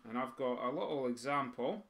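A man leads a beginners' music writing lesson for pipe band drummers. He counts the beats out loud and sings the rhythms in drum syllables. Now and then he stops to quiz his students. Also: mid-range voice, fairly quick. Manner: quizzes the students. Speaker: drum teacher. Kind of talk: teaching a music theory lesson.

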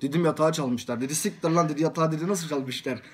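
Young man telling a rapid barracks tale. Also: a little high, husky. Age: young adult. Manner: storytelling, repeats "dedim" after every phrase. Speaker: soldier telling a story. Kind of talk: casual anecdote.

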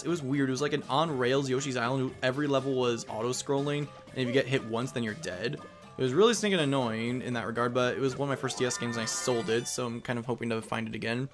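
A man's voice: medium pitch, quick pace. Casual young man over faint game music. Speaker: game commentator. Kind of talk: casual rambling let's play commentary. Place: voice-over recorded over game audio.

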